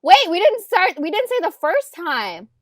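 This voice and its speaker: A woman's voice: very high voice, very animated, moderate pace, dry recording, clean studio sound. A young woman co-hosting a casual book podcast, telling rambling stories full of fillers and laughter. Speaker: podcast co-host. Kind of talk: casual chat.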